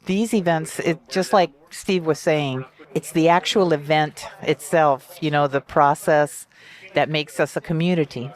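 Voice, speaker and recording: A woman's voice: deep voice, unhurried. Woman from Cuba, hobby potter, sincere and heartfelt, interviewed outdoors. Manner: heartfelt, earnest, with small restarts. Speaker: amateur potter. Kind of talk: casual interview. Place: outdoors at a kiln festival.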